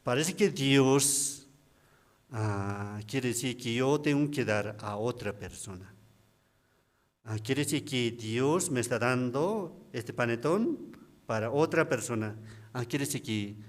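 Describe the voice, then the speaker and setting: Deacon telling a lively testimony. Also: male voice, slow pace. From Bolivia. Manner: conversational storytelling, frequent tag questions, pitch jumps when quoting others. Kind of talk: personal testimony at a prayer service.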